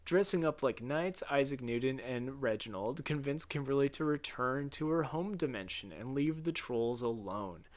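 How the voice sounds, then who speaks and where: A man's voice: medium pitch, animated, normal speed, hardly any pauses. A man reading his own video essay script raw and unedited, casual and wry, swearing and restarting flubbed lines.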